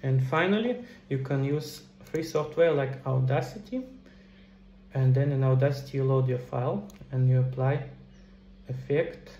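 In a small indoor room at his computer, a middle-aged man talks into a headset, casually walking through game development steps for a screen-recorded tutorial. His mid-range voice moves at normal speed. The recording is muffled, with a roomy echo and faint background noise.

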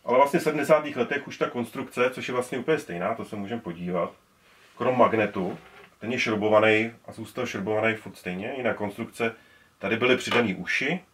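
Fortyish guy, lowish voice, rambly show-and-tell at his desk, lots of restarts. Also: fairly bright tone. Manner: rambling, many restarts, handles speakers while talking. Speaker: speaker collector. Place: indoor room full of speakers.

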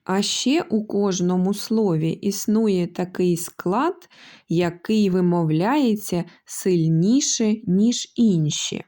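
A woman teacher speaks slowly and gently in a warm, mellow voice. She pronounces every syllable with care for small children and now and then calls out a word, stretching it long. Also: fairly low pitch. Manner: drawn-out syllables and calling out words to show stress. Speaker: kindergarten teacher. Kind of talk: slow, carefully articulated lesson for young children. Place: kindergarten lesson recording.

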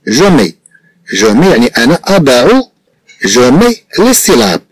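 Moroccan man teaching French, lively intonation. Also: mid-range voice, husky, dry recording, rough recording. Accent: Moroccan Arabic. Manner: slow, deliberate reading of French phrases, then brisk explanation. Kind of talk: bilingual lesson explaining French in Arabic.

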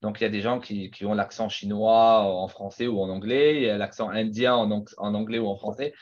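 A man's voice: lowish voice, fairly even intonation, fairly quick, a little mellow. A man on a video call, joking and telling anecdotes in a casual panel discussion. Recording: dull lo-fi call audio.

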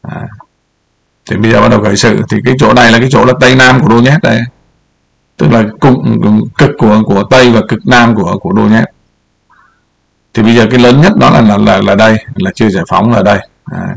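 A man's voice: fairly low pitch, steady tone, fast, gravelly. An older man giving casual political commentary over a map, rambling and repeating words as he points things out.

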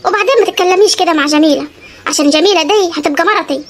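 A voice actor playing a stubborn, curt young village husband with an Upper Egyptian accent in an animated comedy. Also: male voice, extremely high pitch, very fast, a little hiss or hum. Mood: dismissive. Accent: Upper Egyptian Arabic. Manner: curt, dismissive.

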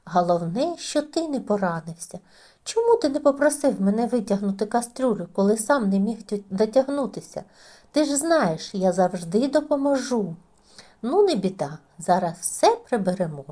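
A woman's voice: on the high side, very animated, moderate pace, warm tone. A woman reading the part of a kind father, speaking in a soothing, reassuring way.

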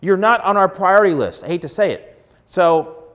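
Male stylist host, 40s, blunt and emphatic, lapel mic, slightly high voice. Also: lively intonation, moderate pace, fairly bright tone. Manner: emphatic, blunt, repeats words for stress. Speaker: hairstylist giving advice. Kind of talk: direct-to-camera advice vlog. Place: plain studio backdrop indoors.

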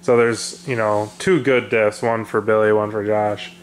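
A man casually chatting about his off-road gear, relaxed and rambling with lots of fillers. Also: on the low side, unhurried. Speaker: off-road video host. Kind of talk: casual garage chat. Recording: echoey room with faint noise.

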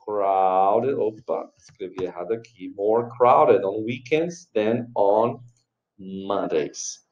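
A Brazilian man teaches English grammar at an unhurried, deliberate pace, repeating each answer and checking that students follow. His voice is mellow and dark, and the recording sounds dull and lo-fi. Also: lowish voice. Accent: Brazilian Portuguese. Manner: slow, patient, repeats and checks with "tá bom?". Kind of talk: explaining an online grammar exercise.

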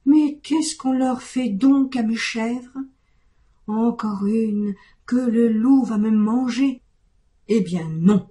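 A woman voicing a worried, kindly old male goat farmer who pleads and exclaims loudly. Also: a little high, takes it slowly. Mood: alarmed.

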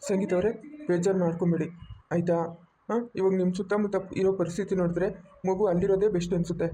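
A man playing a calm lawyer who reassures a grieving client in a family drama. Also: high voice, fast, slight background noise, lightly acted. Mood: reassuring. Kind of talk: amateur family drama acting.

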